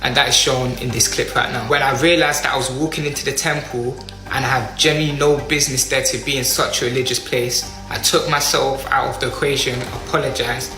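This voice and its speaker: A young man with a British accent giving an earnest, halting apology statement. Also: medium pitch. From United Kingdom. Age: young adult. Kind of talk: spoken apology statement to camera. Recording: roomy echo, faint music behind.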